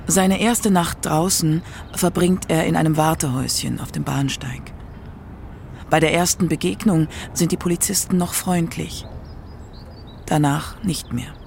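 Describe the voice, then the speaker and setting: Reading from a script, a man narrates a radio documentary a little slowly. His voice sits slightly high with a pronounced gravelly fry, and faint background noise is present.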